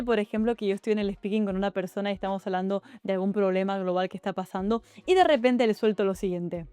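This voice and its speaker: With a fairly high, mellow, smooth voice, this Spanish YouTuber offers upbeat exam and study-abroad tips in a relaxed vlog. She speaks with a Spain Spanish accent, chats freely with quick asides to viewers, and faint background music runs underneath.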